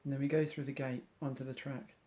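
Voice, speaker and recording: A man's voice: medium pitch, little pitch movement, fast talker, warm tone. A man, an amateur athlete, earnestly reciting an inspirational monologue in loose rhymes.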